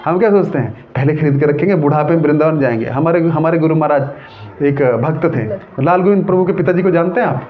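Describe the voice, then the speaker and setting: Male monk preacher, devotional sermon, lively storytelling, keeps checking in with listeners; lo-fi phone-like recording. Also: on the high side, quick pace. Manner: animated storytelling with frequent "है ना?" prompts to listeners. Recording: tinny phone-like audio.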